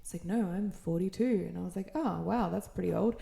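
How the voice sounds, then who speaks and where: A woman's voice: lowish voice, a little fast, vocal fry, warm tone, reverberant. A woman in her twenties co-hosting a podcast, telling stories in casual chat, laughing often and swearing freely. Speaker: podcast co-host.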